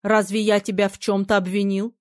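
A woman's voice: medium pitch, little pitch movement, a little fast, a little mellow, no echo, clean studio sound, lightly acted. A woman reading the lines of a domineering male battle mage, commanding and silky by turns. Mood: stern. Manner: commanding, then silky and menacing.

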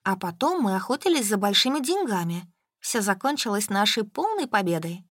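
A woman's voice: medium pitch, slightly rough, no room sound, studio quality. Woman narrating a wry audiobook. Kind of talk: first-person audiobook narration.

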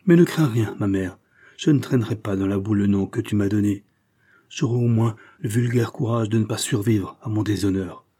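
Voicing a young man full of remorse, a male reader delivers a heated, self-accusing confession to the character's mother. His voice is on the low side, mellow and husky, and he speaks at normal speed.

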